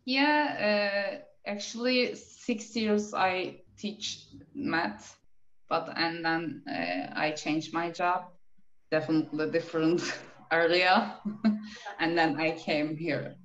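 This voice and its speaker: Thirties woman, Turkish accent, soft and hesitant, slow delivery, muffled video call sound. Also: fairly low pitch. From Turkey. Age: 30s. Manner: hesitant, many "uh" pauses, soft laughs. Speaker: language student. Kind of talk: self-introduction on a video call. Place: small room indoors. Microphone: laptop webcam on a video call. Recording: dull lo-fi video call audio.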